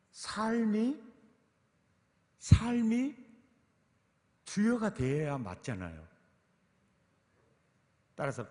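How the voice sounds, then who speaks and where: A man's voice: fairly high pitch, a little mellow. A male pastor preaching at a teachers' seminar, asking the audience questions again and again. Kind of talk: sermon at a teachers' training seminar. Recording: long hall reverb.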